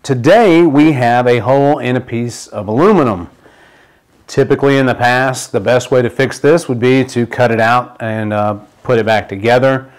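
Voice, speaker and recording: A man's voice: medium pitch, normal speed. A middle-aged man with a mid-range voice walks through a repair at an indoor demo table. He explains each step plainly, with frequent "uh" and "um" fillers. It is a straightforward product demonstration.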